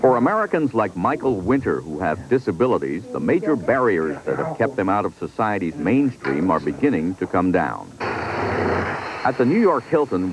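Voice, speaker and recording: A male reporter narrates a scripted news package in a fairly low, lively voice. Clear background noise runs under the report.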